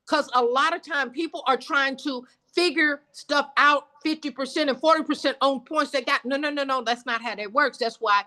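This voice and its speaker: Emphatic, bright-voiced woman coaching a team. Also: high-pitched, normal speed, hardly any pauses. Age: 70s. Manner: emphatic, repetitive, preacher-like cadence. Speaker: business team leader. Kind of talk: motivational sales call. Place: online video meeting.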